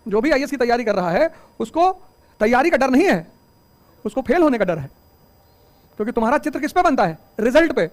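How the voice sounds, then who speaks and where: Middle-aged guy teaching a coaching class, really high voice, jokey and animated, keeps asking the class questions. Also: brisk, pauses often. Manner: animated, rhetorical questions, joking asides. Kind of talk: motivational classroom talk.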